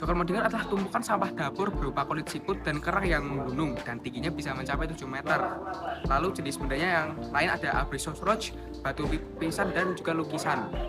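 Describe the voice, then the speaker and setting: Guy racing through his history notes, higher-ish voice, music loud. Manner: quick, read-aloud. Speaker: student presenter. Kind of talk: reading a history explanation. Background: loud background music.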